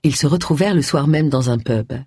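An audiobook narrator reads a novel aloud in a scripted style, expressively changing voices for each character. The delivery is brisk and slightly rough at a medium pitch, recorded dry with clean studio sound.

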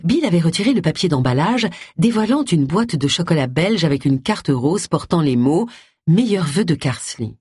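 Expressive audiobook narrator, husky voice. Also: medium pitch, normal speed, dry recording, studio quality. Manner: expressive storytelling. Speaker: audiobook reader. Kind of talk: scripted narration.

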